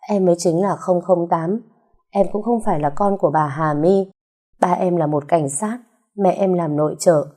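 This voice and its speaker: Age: young adult woman. Figure: a woman voicing a loving, tearful young wife. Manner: emotional, pleading. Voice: mellow. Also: on the low side, natural voice.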